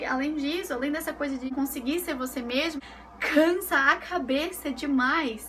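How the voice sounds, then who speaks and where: Bright-voiced, animated Brazilian woman vlogging. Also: high-pitched. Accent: Brazilian Portuguese. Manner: animated, acts out quoted voices. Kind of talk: casual storytelling vlog. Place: her bedroom.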